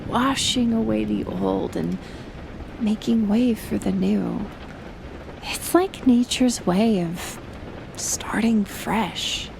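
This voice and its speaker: In an intimate audio roleplay, a woman plays a gentle, shyly affectionate best friend, her medium-pitched voice breathy and near-whispered. She speaks softly, hesitantly and slowly with long pauses, while loud rain and thunder effects fill the background throughout.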